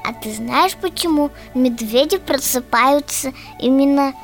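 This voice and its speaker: A woman's voice: high voice, measured pace, faint music behind. A woman playing a cheerful young boatswain who explains and quizzes playfully on a children's radio show. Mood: explaining, engaged.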